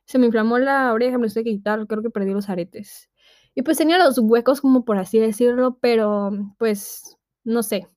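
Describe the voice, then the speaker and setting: In a casual storytelling monologue, a podcast host of nineteen with a Mexican accent chats in slang and performs the voices of people she quotes. She speaks at a moderate pace in a slightly high, darkish voice. The sound is dry and clean, studio quality.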